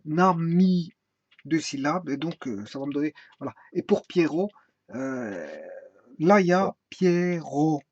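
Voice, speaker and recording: A man giving an informal music theory lesson, hesitant, with many fillers and restarts, now and then singing a phrase slowly. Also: fairly high pitch, animated, darkish tone, slight background noise. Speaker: music teacher. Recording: dry, dull lo-fi sound.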